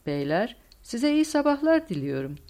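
A woman's voice: a little high, very animated, moderate pace, mellow, pitched above the performer's own voice. A woman voicing a weary older male wartime leader in an audiobook, formal and gracious.

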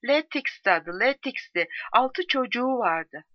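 A desperate male soldier yells his lines in raised, strained tones, as a woman narrator puts him on. He sounds furious and cornered, and the storybook recording is dry and slightly muffled. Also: a little high, lively intonation, measured pace, dry recording, voice pushed up. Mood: grieving. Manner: shouting, furious.

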